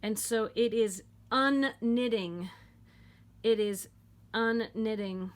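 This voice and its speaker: A woman's voice: fairly high pitch, slow pace. A woman talks through a knitting tutorial from her home, with an easygoing, chatty delivery. She jokes along the way and repeats key points as she works. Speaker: knitting teacher.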